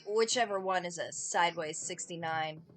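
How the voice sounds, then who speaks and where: A woman's voice: lowish voice, normal speed, faint music behind. Woman reading game text with playful asides. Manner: playful, dry asides between narrated lines. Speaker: game streamer. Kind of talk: reading game narration aloud.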